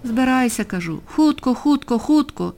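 A woman voicing a burly male police officer who gives calm, curt, commanding orders in a storybook reading. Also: a little high, a little fast, natural voice.

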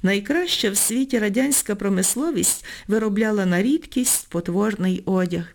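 A woman narrating an audiobook in a measured, expressive storytelling manner. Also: medium pitch, creaky. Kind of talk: audiobook reading.

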